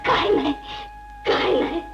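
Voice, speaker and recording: In an old film drama, an actress plays a poor village woman, tender then fierce, who weeps and pleads in a tender, tearful mood. Her unhurried voice is close to an everyday one, heard on a muffled old soundtrack with music.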